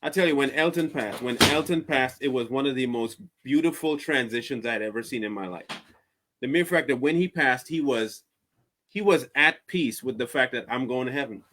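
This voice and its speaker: A man hosting a casual chat, telling lively stories and laughing often. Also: medium pitch, normal speed. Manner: animated storyteller, laughs often. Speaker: podcast host.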